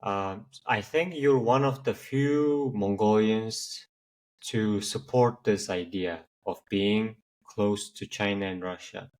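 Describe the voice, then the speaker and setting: A man's voice: lowish voice, slow pace, darkish tone. A man interviewing someone in a casual conversation, often chiming in with short words of agreement. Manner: frequent short agreeing responses.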